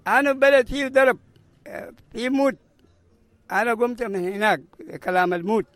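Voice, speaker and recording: A man's voice: very high-pitched, fairly quick, a bit bright, no echo. An 80-year-old man from South Sudan, a refugee giving short, plain answers in an interview. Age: 80s.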